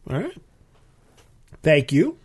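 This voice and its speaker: A man's voice: a little high, wildly swooping pitch, takes it slowly, darkish tone, breathy edge. A man co-hosting a show, giving his opinions in casual chat and repeating phrases for emphasis. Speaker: podcast co-host.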